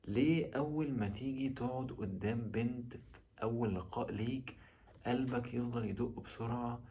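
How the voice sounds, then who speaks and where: A man's voice: mid-range voice, normal speed, mellow, slight background noise. A man with an Egyptian Arabic accent giving casual dating advice straight to the viewer, asking rhetorical questions as he goes. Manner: direct, addresses the listener, rhetorical questions.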